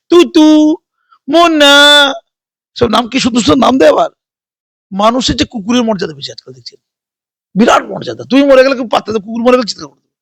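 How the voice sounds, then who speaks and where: A man's voice: very high voice, gravelly, dry recording. A man giving heated, sarcastic political commentary, firing rhetorical questions. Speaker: political interviewee.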